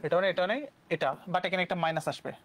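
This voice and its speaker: A young man from Bangladesh with a Bangladeshi Bengali accent, teaching physics exam questions briskly and mixing English terms into his speech. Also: sits high, a bit bright. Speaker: physics tutor. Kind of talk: exam-prep lesson.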